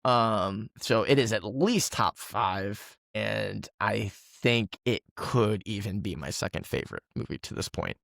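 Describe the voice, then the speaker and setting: A man with a gravelly, fry-tinged voice holds forth in a relaxed movie chat. He wanders through his thoughts and corrects himself as he goes. The sound is close and dry, with no room around it. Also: fairly low pitch, a little slow, hardly any pauses, no room sound. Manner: rambling, self-correcting, talks at length. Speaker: podcast co-host.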